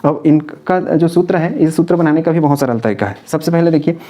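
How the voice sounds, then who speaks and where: Teaching chemistry in a classroom lecture, a man with a Hindi-speaking North Indian accent works through the material step by step, repeats key terms, and poses questions he answers himself. His voice is a little high, mellow, and brisk.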